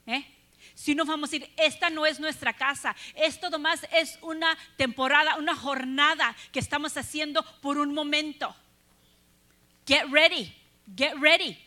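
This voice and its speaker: A woman's voice: high-pitched, pushed and bright. A woman preaching a sermon, earnest, asking her listeners rhetorical questions.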